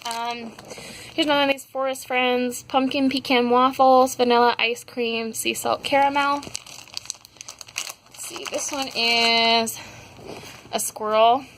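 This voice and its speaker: A woman's voice: a little high, level tone, slow pace, pauses often, a bit bright, a little hiss or hum, low-quality recording. Chatty young woman with lots of ums. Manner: rambling, many ums and likes. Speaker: wax melt haul vlogger. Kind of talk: casual product review chat. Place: home.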